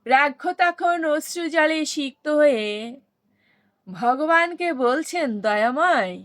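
A woman's voice: sits high, expressive, slow pace, a bit bright, dry recording. A woman telling a devotional story reverently, chanting the holy name between passages.

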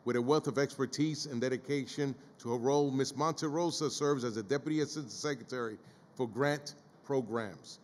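An older man hosts a formal event, thanking performers and introducing the next speaker. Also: medium pitch. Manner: warm thanks, halting restarts. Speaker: event emcee. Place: large event hall. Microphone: podium microphone. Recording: reverberant hall.

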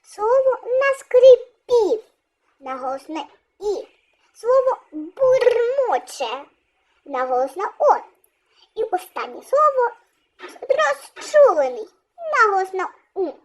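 Woman teacher, very high voice, lively rise and fall, slow careful delivery, primary school reading lesson.

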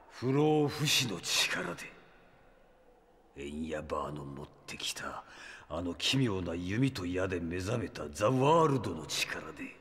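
An arrogant immortal villain in a Japanese audio drama. His voice is forceful and animated, swinging widely in pitch, with slow, deliberate phrasing. He sneers grandly, like someone born to rule. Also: slightly rough, full character voice. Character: arrogant immortal male villain, megalomaniac and theatrical.

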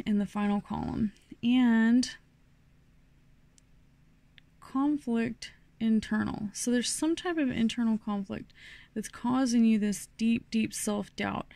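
Middle-aged woman doing a rambly tarot reading, fry in her voice, dry sound. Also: on the high side, mellow, dry recording. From New Mexico. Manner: rambling, many fillers and restarts. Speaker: tarot reader.

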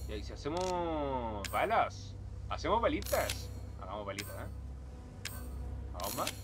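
Congested man, lively jumpy gameplay talk. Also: mid-range voice, normal speed, over music. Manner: jumpy, exclaiming at scares. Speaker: gameplay host. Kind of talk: casual let's-play commentary. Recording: loud background noise, game sounds.

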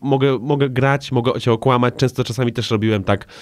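A man's voice: medium pitch, steady tone, brisk, no echo. A middle-aged man, a stand-up comedian, chatting loosely in an interview, swearing often and leaning on "you know" fillers. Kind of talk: casual interview chat.

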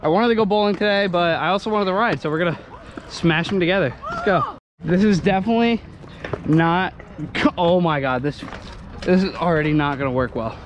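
Filming on a handlebar-mounted action camera at an outdoor skatepark, a young scooter rider narrates his own vlog in a casual way, cursing and laughing at himself. He speaks fairly quickly in a voice that sits high. The outdoor camera audio is noisy.

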